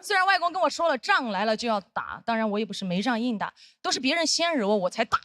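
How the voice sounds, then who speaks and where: A woman in her thirties performing a stand-up comedy set, telling animated stories with deadpan punchlines. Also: fairly high pitch, very fast, no echo, studio quality. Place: comedy stage.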